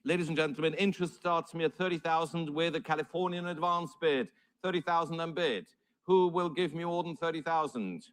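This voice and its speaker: A man's voice: fairly high pitch, a little fast. A man working as an auctioneer, calling numbers and bids live in formal, courteous patter.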